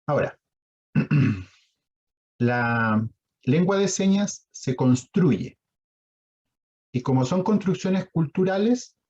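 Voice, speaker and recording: A man's voice: medium pitch, a little mellow, husky, dull audio. A man with a Chilean accent giving an online lecture on sign language, explaining patiently and putting questions to his audience over a video call.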